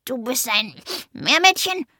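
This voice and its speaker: McDonagall, squeaky grumpy boastful goblin, put on by a woman. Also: very animated, moderate pace, sharp tone, no echo, studio quality, exaggerated voice. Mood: puzzled. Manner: cursing, bragging, grumbling. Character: small grumpy boastful male yellow goblin. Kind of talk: storybook reading.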